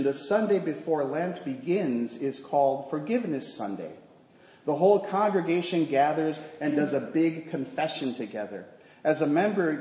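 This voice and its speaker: Priest telling a story in an echoing church. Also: male voice, on the high side, dark tone. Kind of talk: sermon storytelling. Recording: echoey church with long reverb.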